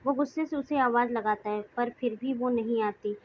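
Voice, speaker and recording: A woman reading a dramatic story aloud in a scripted narration, voicing all characters in a mostly even manner. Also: fairly high pitch, moderate pace. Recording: dull lo-fi recording.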